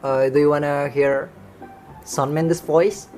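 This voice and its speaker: Taking it slowly over music, a man from Indonesia speaks in a slightly high voice with fairly even intonation. As a video-chat host who sings to strangers, he keeps the banter casual and teasing, laughing at his own jokes.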